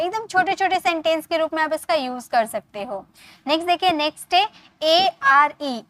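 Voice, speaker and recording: High, bright-voiced woman teaching slowly. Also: no room sound. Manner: patient, repeats words slowly and asks the viewer questions; spells words letter by letter and drills pronunciation. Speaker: English teacher. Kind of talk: spoken English lesson explained in Hindi.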